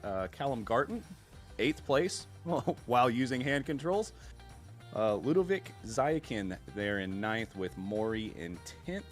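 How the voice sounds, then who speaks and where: A man's voice: mid-range voice, sing-song, measured pace, soft background music. A man with an American accent commentating a sim racing broadcast in a laid-back, chatty way, laughing often. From United States. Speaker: race commentator.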